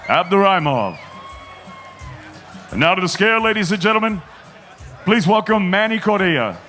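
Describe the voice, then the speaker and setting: Booming, high-pitched male fight announcer. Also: sharp tone, soft background music, a faint crowd. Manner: booming, drawn-out calls like a lucha libre announcer. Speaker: boxing ring announcer hosting a weigh-in. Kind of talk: theatrical bilingual fight announcing.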